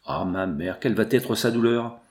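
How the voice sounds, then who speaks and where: A man voicing a gentle young princess who pleads tenderly for forgiveness in a storybook reading. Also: fairly low pitch, moderate pace, close to an everyday voice. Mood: pleading.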